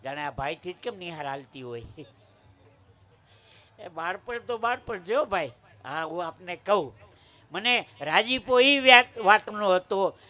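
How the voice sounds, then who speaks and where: A man with a Kathiawadi accent tells folk comedy from a village stage, his voice pitched high and ringing with a sharp, bright edge. He lands each punchline hard and slips into the voices of the people in his stories. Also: expressive, measured pace. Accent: Kathiawadi Gujarati. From Saurashtra, Gujarat. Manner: punchy joke-telling, acting out quoted voices. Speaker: folk storyteller and humorist. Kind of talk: live folk comedy storytelling. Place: live stage at a village religious event.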